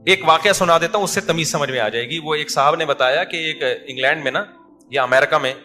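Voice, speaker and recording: A male preacher delivers a lively sermon, acting out voices in his anecdotes. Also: on the high side, soft background music.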